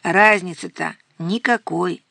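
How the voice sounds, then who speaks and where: A woman's voice: takes it slowly, creaky, no room sound, studio quality, full character voice. Woman reading as a furious, frantic mother. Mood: bitter. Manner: sharp, shouting, raised pitch. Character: angry middle-aged mother at her wits' end.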